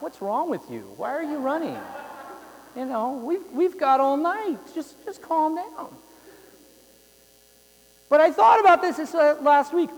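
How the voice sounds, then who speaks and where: A young male pastor preaching a sermon, telling rambling stories with lots of fillers and repeated words. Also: very high-pitched. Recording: long hall reverb.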